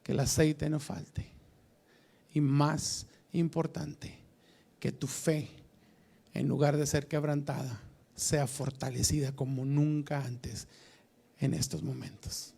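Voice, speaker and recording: A man delivers a Bible study sermon as a pastor. His delivery is slow and emphatic, full of deliberate pauses. His voice is gravelly and mellow, set a little high for a man. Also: fairly even intonation.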